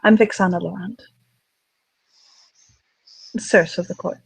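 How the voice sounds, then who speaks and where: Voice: mid-range voice, fairly even intonation, slow, gravelly, slightly rough, dry recording, exaggerated voice. A voice role-player voicing a flirtatious, courtly sorceress with a French accent. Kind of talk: voice role-play.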